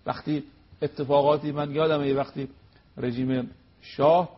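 A male cleric delivers a preaching talk on a TV program. His voice sits a little high and is husky. He drives home each point with emphasis and rhetorical questions, and the sound is dull and lo-fi. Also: level tone. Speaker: cleric guest on religious TV program.

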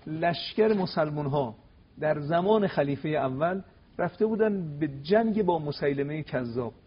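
Appearing as a guest cleric on religious TV, a man gives an animated lecture full of stories, emphatically playing out quoted exchanges as his pitch rises. The sound is lo-fi, and his voice has a breathy edge.

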